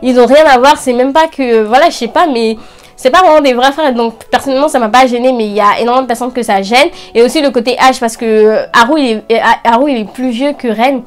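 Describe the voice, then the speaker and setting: A woman's voice: a little high, brisk. A young woman talking casually and slangily as an enthusiastic anime fan, recommending things to her video audience. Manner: informal youth slang. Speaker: anime review channel host.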